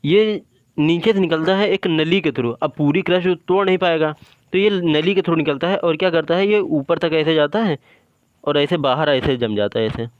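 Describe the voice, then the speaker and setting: A man's voice: fairly high pitch, moderate pace, no room sound, lo-fi sound. A male teacher giving an exam-prep lecture, drilling terms with repeated questions and answers and saying "ठीक है" after almost every point while he explains a drawing step by step.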